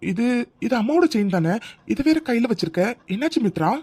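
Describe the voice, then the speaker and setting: Figure: a caring young man, fast and soothing. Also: mid-range voice, sing-song, darkish tone, breathy edge. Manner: soothing, reassuring, quick. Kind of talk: cartoon voice acting.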